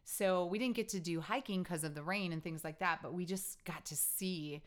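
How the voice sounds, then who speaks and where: A woman with a fairly low voice co-hosts a casual couple podcast. She chats freely, fills her talk with "like" and giggles often. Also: moderate pace. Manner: chatty, giggly, lots of "like". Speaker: podcast co-host.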